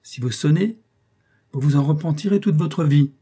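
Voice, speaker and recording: A man reading an audiobook, voicing a scheming employment agent who speaks with outward deference but steady, veiled menace. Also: a little high, moderate pace, slightly rough, voice pushed up. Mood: threatening. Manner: deferential on the surface, insistent and threatening. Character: sly, scheming man, a domestic-staff placement agent.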